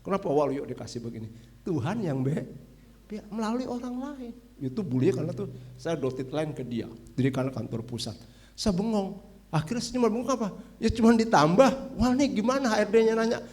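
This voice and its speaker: A middle-aged man preaching at a church service, lively and conversational, with casual asides and repeated phrases. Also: sits high, fairly quick. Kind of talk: sermon.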